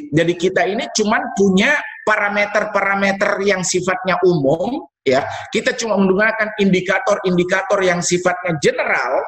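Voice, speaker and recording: A man's voice: sits high, fairly bright tone, echoey room, poor audio. A man, lecturing students in a conversational way, repeating words and answering his own questions. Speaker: university lecturer.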